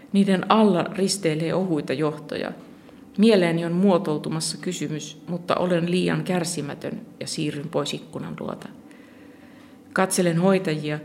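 Gravelly, calm audiobook narrator. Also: mid-range voice, slight background noise. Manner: calm, measured first-person reading. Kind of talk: scripted audiobook narration of literary fiction.

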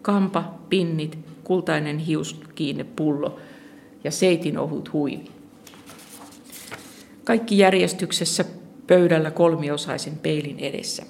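Gravelly, calm audiobook narrator. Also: medium pitch, slight background noise. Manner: calm, measured first-person reading. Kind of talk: scripted audiobook narration of literary fiction.

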